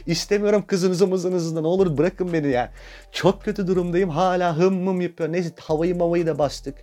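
A man's voice: sits high, steady tone, a little fast, warm tone. Crude, self-mocking young male podcast host. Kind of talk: comic personal storytelling monologue.

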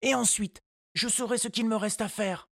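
A man reading a storybook, voicing a small, gentle and determined boy in a high childlike voice. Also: fairly even intonation, normal speed, creaky, no echo, studio quality, heavily acted. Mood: earnest. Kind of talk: audiobook character voice.

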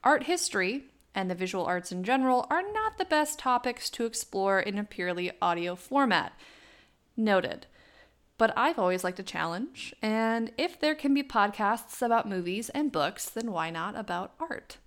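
A young woman with a Wisconsin accent and a nasal voice with some vocal fry, hosting a chatty, scripted solo podcast with playful, self-deprecating asides. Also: medium pitch, expressive, normal speed, a bit bright. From Wisconsin, United States. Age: young adult. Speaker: podcast host.

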